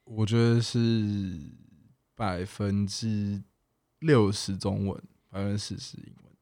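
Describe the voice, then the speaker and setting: A man's voice: on the low side, level tone, slow pace, dark tone, no room sound, clean studio sound. A man, a native English speaker, chatting casually in fluent foreign-accented Mandarin with some English words mixed in. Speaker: podcast guest. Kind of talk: casual chat.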